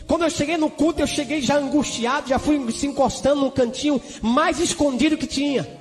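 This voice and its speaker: A man's voice: extremely high pitch, a little fast, long reverb tail. A Brazilian man preaching a testimony with fervent emotion, punctuating it with hallelujahs and speaking in tongues. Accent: Brazilian Portuguese. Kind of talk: church testimony.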